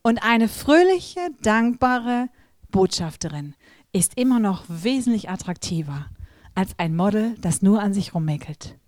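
Middle-aged female preacher, mid-pitched, storytelling sermon delivery with direct address, dry recording. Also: unhurried, no echo. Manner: lively storytelling, acts out quoted voices, addresses audience directly. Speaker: preacher at a women's gathering.

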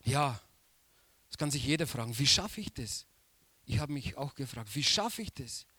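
A man preaching a sermon slowly and emphatically, repeating key phrases for weight. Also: medium pitch, animated, bright, forceful tone, breathy edge, no room sound.

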